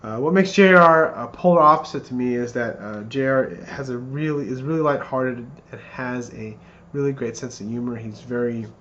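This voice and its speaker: Male, 30s, mid-pitched, earnest best man rehearsing a wedding toast; dull lo-fi sound with background noise. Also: moderate pace, fairly bright tone. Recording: muffled lo-fi, clear background noise.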